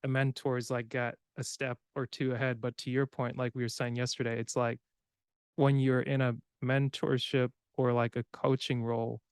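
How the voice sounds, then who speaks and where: A young man from Cameroon, raised in the United States, hosting a podcast in a relaxed, rambling way. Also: mid-range voice, moderate pace, clear, resonant tone, no echo, studio quality. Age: young adult. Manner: relaxed, rambling, with filler words and laughs. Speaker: podcast host. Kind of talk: casual conversation.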